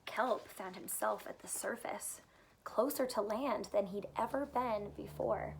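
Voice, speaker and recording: A woman reading a children's picture book aloud like a teacher, expressive and pausing to point out details in the pictures. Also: medium pitch, gravelly, slight background noise, rough recording. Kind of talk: children's story read-aloud with asides.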